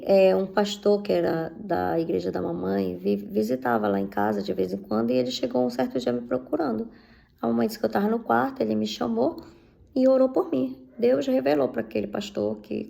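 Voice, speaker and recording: A woman's voice: mid-range voice, gravelly, warm tone. A middle-aged woman sharing her personal faith testimony in a conversational way, often tagging on questions and speaking straight to her listeners. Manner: conversational, leans on tag questions and fillers; speaks directly to listeners as beloved ones.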